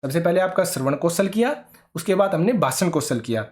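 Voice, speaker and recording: A man's voice: on the high side, animated, a little fast. Male teacher for an online exam-prep class, explains patiently, keeps checking the class follows. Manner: explanatory, checks in with "ठीक है?" often.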